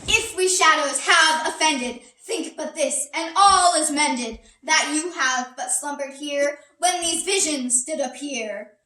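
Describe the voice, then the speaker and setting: A woman playing the mischievous sprite Puck, speaking rhyming stage verse in a slow, measured way. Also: high-pitched, sharp tone, heavily acted. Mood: playful, gentle. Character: Puck, a mischievous sprite bidding the audience goodnight. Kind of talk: classical stage verse recital. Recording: echoey room, distant mic.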